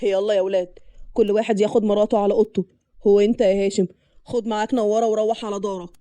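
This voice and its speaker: A woman's voice: medium pitch, level tone, rapid-fire, warm tone, no echo, pitched below the performer's own voice, natural voice. A woman voicing a genial, commanding village mayor in an Upper Egyptian accent. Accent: Upper Egyptian Arabic.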